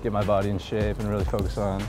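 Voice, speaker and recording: This young adult baseball player at college talks fast in a fairly low voice during a relaxed interview on an outdoor campus walk. Music runs in the background. He's laid-back and leans heavily on fillers.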